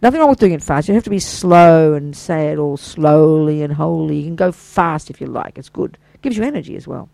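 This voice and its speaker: An older Buddhist teacher giving an informal, chatty dharma talk to a small group, enthusiastic and quick with praise and asides. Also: mid-range voice, lively intonation, vocal fry, warm tone, no echo, rough recording.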